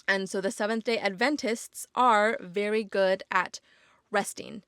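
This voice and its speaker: A woman's voice: mid-range voice, fairly even intonation, unhurried, fairly bright tone, clean tone, no room sound, clean studio sound. A young woman hosting her own podcast, talking casually and encouraging listeners, repeating phrases for emphasis. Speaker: podcast host. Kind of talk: casual solo podcast monologue.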